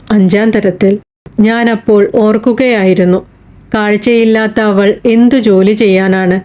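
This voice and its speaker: A woman reads a literary short story aloud for an audiobook. Her reading is measured and reflective. Her voice sits slightly high. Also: a little mellow. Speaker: audiobook narrator. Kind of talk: scripted literary narration.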